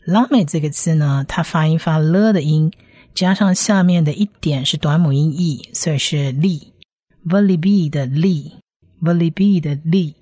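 A woman's voice: sits low, normal speed, mellow, no echo, clean studio sound. A woman teaching a lesson step by step, patiently repeating each sound several times. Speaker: language teacher.

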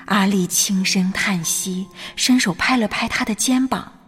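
A woman narrating a scripted story in a gentle, measured manner. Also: mid-range voice. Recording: reverberant hall with faint music. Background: faint background music.

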